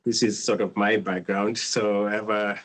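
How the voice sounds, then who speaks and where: A man in his thirties with a Kenyan accent, hoarse from a cold, introducing himself hesitantly to an audience as a physician. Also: fairly low pitch, little pitch movement, moderate pace. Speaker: oncology physician and faculty speaker. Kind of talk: informal self-introduction to an audience.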